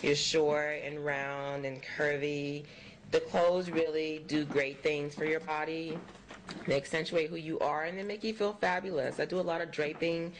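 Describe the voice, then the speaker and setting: Woman, fashion designer, from Liberia, emphatic sassy pitch, off-mic, faint background hiss. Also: fairly even intonation, moderate pace. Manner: emphatic and sassy, playful rhetorical asides. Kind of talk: lively self-promoting pitch. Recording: roomy, distant mic, faint background noise.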